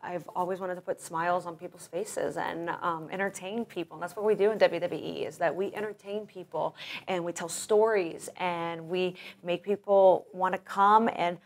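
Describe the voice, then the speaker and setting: A woman's voice: fairly low pitch, fairly even intonation, normal speed. A woman in her thirties, who grew up in Russia, is interviewed as a professional wrestler, speaking enthusiastically and rambling with many restarts. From grew up in Russia, born in Florida. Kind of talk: casual interview.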